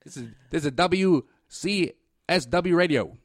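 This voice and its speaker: A man's voice: fairly high pitch, measured pace, dry recording, clean studio sound, voice pushed up. A man doing a brash 1940s radio reporter. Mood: hammy.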